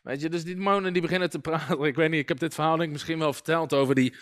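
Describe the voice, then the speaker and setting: A man preaching in a casual, storytelling way, with a bright, forceful tone and a somewhat high voice. He keeps things lively and funny, full of little asides as he teaches his listeners. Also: very fast. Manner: lively and humorous, often chuckling and using fillers like "weet je". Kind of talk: informal sermon with anecdotes.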